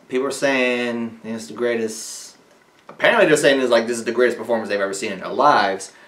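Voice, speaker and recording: A man's voice: medium pitch, moderate pace, fairly bright tone, roomy sound, recorded from a distance. A young man co-hosting a casual sports talk show, teasing his co-host with sarcastic, swearing banter. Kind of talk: casual chat.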